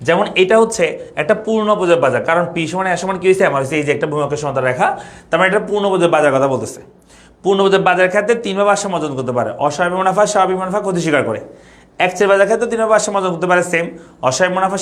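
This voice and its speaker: A man's voice: high-pitched, fairly bright tone. A young man from Bangladesh teaching an economics class online, repeating points and asking students questions. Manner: repetitive, asks students questions.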